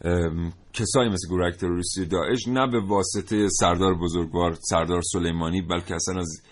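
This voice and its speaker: A man's voice: low voice, fairly even intonation. A man co-hosting a studio discussion, talking in an emphatic, lecturing way. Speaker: co-host.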